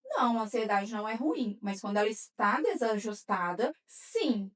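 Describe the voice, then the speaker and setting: A woman's voice: fairly high pitch, sing-song, moderate pace, fairly bright tone, distant mic. A woman psychologist with a Brazilian Portuguese accent, explaining patiently with everyday examples and many fillers. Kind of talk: explanatory podcast talk.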